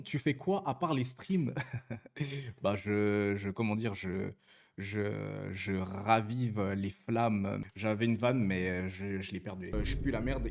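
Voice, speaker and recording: A man's voice: mid-range voice, background noise. A young man, a streamer chatting casually with his viewers, joking and answering chat messages with many fillers and restarts. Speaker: Twitch streamer.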